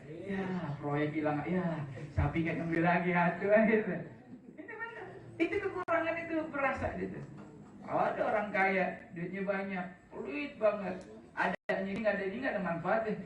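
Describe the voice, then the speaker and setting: Joking preacher in an echoey hall. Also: male voice, sits high. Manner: joking, chatty, laughs often. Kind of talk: informal religious lecture. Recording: echoey, from far off, faint noise.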